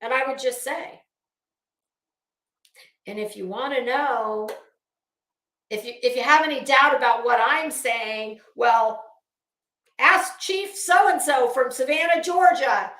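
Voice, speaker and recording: In a roomy, echoing recording, a high-pitched, slightly bright woman speaks slowly with frequent pauses. As a channel host, she delivers an unscripted opinion rant in a blunt, scornful, emphatic way.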